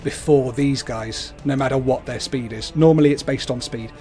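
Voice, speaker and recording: A man's voice: mid-range voice, normal speed, dark tone, soft background music. Man giving casual game commentary. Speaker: livestream host playing a video game. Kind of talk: casual explanatory gameplay commentary. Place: indoors at a computer, webcam.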